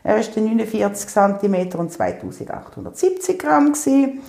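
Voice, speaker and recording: A woman with a Swiss German accent tells a personal story in a casual, animated way, often laughing and acting out her own past words. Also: fairly high pitch, moderate pace, gravelly. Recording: echoey room.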